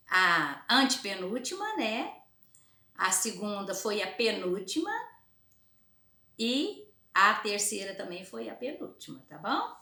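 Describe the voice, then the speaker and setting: Brazilian teacher, woman, a little hoarse, bright tone, echoey room, exaggerated pronunciation for kids. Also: mid-range voice. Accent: Brazilian Portuguese. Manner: slow, lively, exaggerated pronunciation, frequent "né?". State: slightly hoarse. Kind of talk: recorded remote lesson to children.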